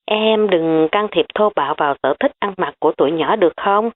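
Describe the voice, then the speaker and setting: An easygoing middle-aged uncle, as a woman reads him, relaxed and teasing in a lowish voice. The audiobook audio is tinny, like a phone line. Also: fairly quick, close to an everyday voice. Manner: relaxed, joking.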